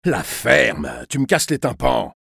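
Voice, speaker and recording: A man's voice: medium pitch, lively intonation, slow, vocal fry, a bit bright, husky, no room sound, studio quality, voice pushed up, full character voice. A man voicing a brutal male kidnapper who snaps orders. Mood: harsh commanding. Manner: barking orders.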